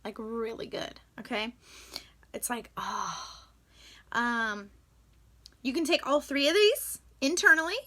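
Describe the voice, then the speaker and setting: A woman's voice: sits high, sing-song, unhurried, bright, forceful tone. A young woman chatting casually to the camera, enthusiastic and full of fillers, sharing tips on essential oils.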